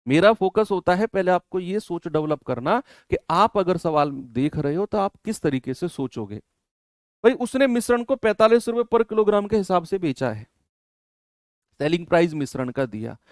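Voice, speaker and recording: A male maths teacher who speaks, leading an online class and quizzing his students as he works through sums. His voice sits fairly high and sounds smooth and resonant. It is recorded close to the mic in a dry space with no room sound. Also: dry recording. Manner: lively teacher, asks the class questions and answers them himself; drops to low, quiet complaining when scolding students.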